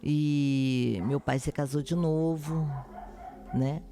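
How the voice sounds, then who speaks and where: A woman pastor from Brasília, telling her life testimony slowly and earnestly in a podcast interview. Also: low-pitched, steady tone, mellow. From Brasília, Brazil. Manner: slow, earnest, devout phrasing.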